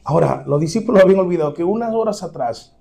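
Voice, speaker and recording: A male pastor, preaching an animated sermon and acting out the scenes he describes. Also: sits high, fast, creaky. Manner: animated preaching, dramatic re-enactment, chuckles.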